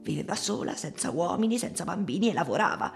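A woman reading a literary novel aloud in a calm, measured audiobook narration. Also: lowish voice, gravelly, faint music behind. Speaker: audiobook reader.

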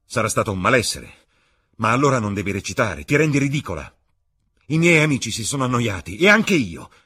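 A man's voice: extremely low pitch, fairly even intonation, fairly quick, breathy edge, full character voice. A man doing a proud, scornful young man. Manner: sharp, scornful outbursts.

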